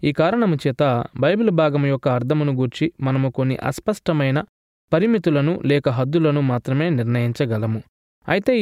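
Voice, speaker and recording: A man's voice: fairly high pitch, a little mellow, no room sound, clean studio sound. Man reading a formal lecture. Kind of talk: scripted theology lecture.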